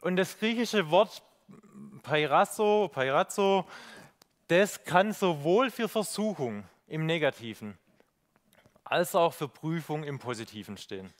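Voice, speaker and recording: A man preaching a reflective sermon with slides, pausing on fillers and asking rhetorical questions. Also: a little high, lively intonation.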